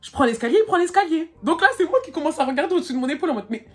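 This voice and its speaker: A young woman tells a story to her viewers in a casual, slangy way, with a fairly high voice. She is animated, swears freely and laughs nervously. Faint music plays behind her. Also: racing.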